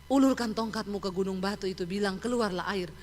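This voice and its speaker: A woman voicing God as a stern, commanding deity, firm and measured. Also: mid-range voice, slight background noise, natural voice. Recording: echoey hall.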